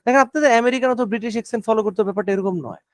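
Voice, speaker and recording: A man with a high voice coaches students for a speaking test. He speaks slowly and deliberately, leaning hard on every word. The sound is dry and close, with no room echo. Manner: slow, deliberate, stressing each word. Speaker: IELTS speaking tutor. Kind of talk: coaching a speaking practice class.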